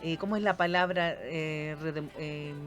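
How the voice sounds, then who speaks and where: Low-voiced woman teaching scripture. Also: fairly even intonation, a little slow, faint music behind. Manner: earnest, reads scripture aloud, frequent "amen" and "right?". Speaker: podcast co-host.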